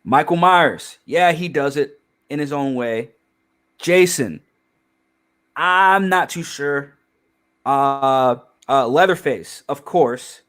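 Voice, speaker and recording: A man's voice: on the high side, slow pace, a bit bright. A man hosting a casual film review chat, talking in an emphatic, rambling way with frequent restarts and swearing. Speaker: podcast host.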